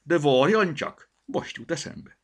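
A man voicing a hearty old peasant market woman with a Palóc accent in a storybook, loud and folksy. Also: fairly high pitch, lively intonation, voice pushed up. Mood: thoughtful.

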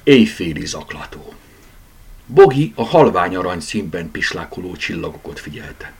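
A man reading a bedtime story aloud in a soft, gentle storytelling manner. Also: low-pitched, slightly rough.

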